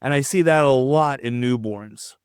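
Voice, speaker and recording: A middle-aged man, a chiropractor answering questions in a podcast interview, explaining in an animated, demonstrative way. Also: mid-range voice, moderate pace, clear, resonant tone, dry recording, studio quality. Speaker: chiropractor guest.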